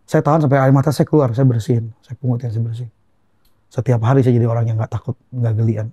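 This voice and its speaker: A young man from Indonesia speaks quickly in a dark, mellow voice. He tells a personal testimony earnestly, halting and repeating phrases. The sound is dry and close, with little room. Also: mid-range voice, steady tone, breathy edge, no echo. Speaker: guest.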